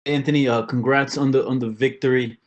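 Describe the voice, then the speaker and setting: A man working as a sports reporter, putting questions at a press conference in a halting way. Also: mid-range voice, steady tone, lo-fi sound.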